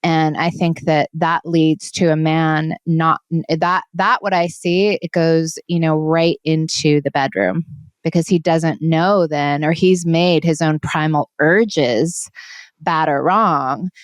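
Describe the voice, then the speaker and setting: A woman from Hawaii talks casually as a podcast co-host, her voice sitting a little low and the sound dry and close. She searches for words, restarting phrases and leaning on fillers. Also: fairly even intonation, takes it slowly, dry recording. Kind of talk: casual conversation.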